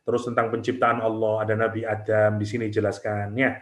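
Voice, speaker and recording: A man's voice: lowish voice, monotone, fairly quick, reverberant. A middle-aged man preaching a sermon, emphatic, posing rhetorical questions and slipping into prayer-like asides. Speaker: Islamic preacher.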